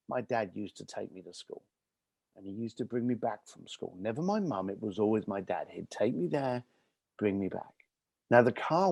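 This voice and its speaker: A man's voice: mid-range voice, creaky, darkish tone, breathy edge, no room sound. A man, a guest in an interview, telling stories with animation and acting out the voices in them. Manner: acts out the voices in his stories.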